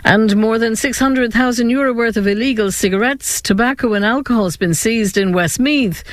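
A man's voice: high-pitched, no echo, studio quality. An Irish man reading a scripted radio news bulletin. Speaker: newsreader. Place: radio studio.

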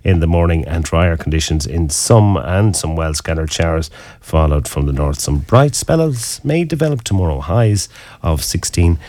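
A man's voice: sits low, animated, normal speed, a little mellow, no echo. An Irish man presenting live on local radio, linking items and reading the weather.

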